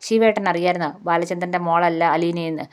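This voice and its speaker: A woman's voice: fairly low pitch, steady tone, quick pace, natural voice. A woman voicing an angry, suspicious middle-aged woman who fires accusing questions at her family. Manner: indignant, demanding questions.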